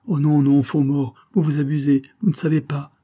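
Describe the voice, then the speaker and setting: A frightened, pleading nun of royal birth, as a male reader puts her on, her voice lifted higher and tight with fear. The husky, warm tone stays underneath as she begs and reproaches in a storybook reading. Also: little pitch movement, moderate pace, lightly acted. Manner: pleading, fearful. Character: anguished middle-aged nun, daughter of a king.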